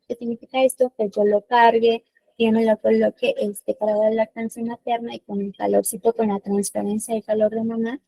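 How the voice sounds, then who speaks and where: Woman, webinar lecture, explanatory, mellow tone, dry recording. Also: fairly high pitch, slightly rough, dry recording, rough recording. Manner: explanatory, checks in with frequent "¿sí?". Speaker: newborn care instructor.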